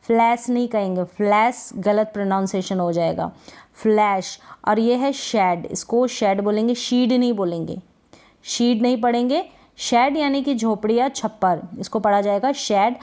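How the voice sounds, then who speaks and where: A woman with a Hindi accent teaching English pronunciation, repeating each word slowly and quizzing the listener with questions. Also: medium pitch, warm tone. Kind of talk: slow phonics lesson.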